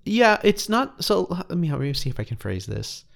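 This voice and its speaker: A man's voice: fairly high pitch, very animated, moderate pace, gravelly, a bit bright. A man from the United States co-hosting a podcast, chatting casually and often restarting as he searches for words. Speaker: podcast co-host. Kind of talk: casual chat.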